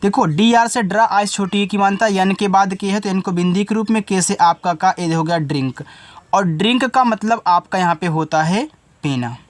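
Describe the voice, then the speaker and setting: A teacher walks through English words letter by letter, stretching the spelling slowly before explaining it. The teacher keeps asking the students questions along the way. The recording is dry and close, with no room sound. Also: medium pitch, no room sound.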